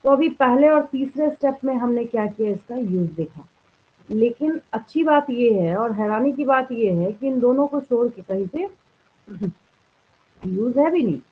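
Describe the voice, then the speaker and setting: A woman with a fairly high, husky voice teaches biology to a class. She poses each point as a question and answers it herself, checking often that the students follow. The sound is thin and phone-like. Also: animated, moderate pace. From India. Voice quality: clears throat now and then. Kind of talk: classroom lecture in a live class.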